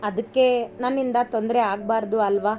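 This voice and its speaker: A woman voicing a young husband who is tender and teasing. He speaks quickly and coaxingly in a storybook reading. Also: fairly high pitch, fairly even intonation, darkish tone, soft background music, lightly acted. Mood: wistful.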